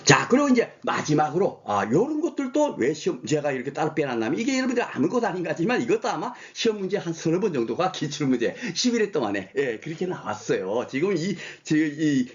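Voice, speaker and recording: A man lecturing for an exam prep course, his voice a little high and swinging widely up and down. He keeps asking his students questions and checking that they follow. The recording sounds dull and lo-fi. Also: fast talker, few pauses. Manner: animated, rhetorical questions, frequent "그쵸?" check-ins.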